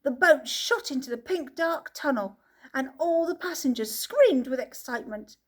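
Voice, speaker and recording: A woman narrating a children's book as an audiobook reader, telling the story in a lively way. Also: sits high, moderate pace.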